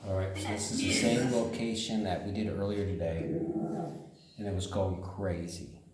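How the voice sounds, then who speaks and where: Low-voiced man ghost hunting in echoey rooms. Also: normal speed, over a noisy crowd. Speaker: paranormal investigator vlogger. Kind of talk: casual ghost-hunting vlog. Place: large empty indoor rooms of an abandoned jail at night. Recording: echoey empty building, clear background noise.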